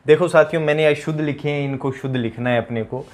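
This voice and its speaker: A man's voice: on the high side, fast talker. Chatty male Hindi teacher. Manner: chatty, repeats key words, drops into local dialect jokes. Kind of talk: exam-prep lesson, casual explaining.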